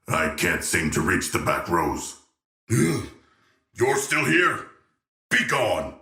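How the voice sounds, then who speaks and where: A man's voice: low-pitched, sharp tone, reverberant, heavily acted. An actor playing a huge, earnest and naive shark-man royal in a video game, speaking in stilted, formal and solemnly literal language. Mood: irritated. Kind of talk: scripted game character voice lines.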